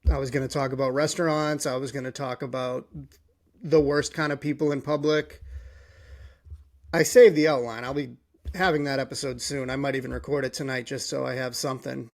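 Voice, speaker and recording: A man's voice: medium pitch, fairly even intonation, brisk, gravelly. A podcast host, a man, ranting about sports in a frustrated, worked-up way and running out of breath.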